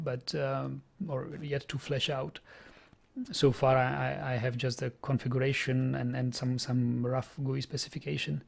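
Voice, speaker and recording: A young Czech man with a medium-pitched, slightly mellow voice and some vocal fry chats casually on a programming live stream. He speaks with a Czech accent and often repeats words as he thinks out loud.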